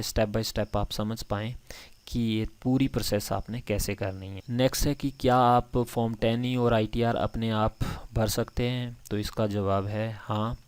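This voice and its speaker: A man's voice: fairly low pitch, clean tone, no room sound. A young adult man from India with a Himachali Hindi accent, walking steadily through tax filing steps in a tutorial. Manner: steady, methodical walkthrough of figures. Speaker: channel host explaining tax filing. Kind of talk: screen-recorded tutorial explanation.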